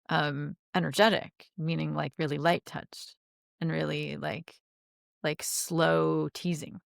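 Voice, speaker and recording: Gravelly low-pitched woman, chatty coach. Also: dry recording, clean studio sound. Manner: chatty, many "like" fillers, laughs easily. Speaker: relationship coach. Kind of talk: podcast interview answers.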